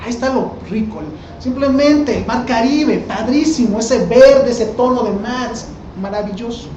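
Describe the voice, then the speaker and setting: A man's voice: extremely high pitch, normal speed, darkish tone, reverberant, dull audio, slight background noise. A male teacher, giving a casual classroom lecture full of rhetorical questions to the class.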